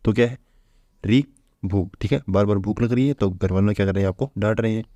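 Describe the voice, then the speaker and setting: A man's voice: fairly low pitch, fast, dark tone, no echo. A man giving a casual vocabulary lesson, chatty, asking questions and answering them himself. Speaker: vocabulary teacher. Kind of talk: casual Hindi exam-prep lesson.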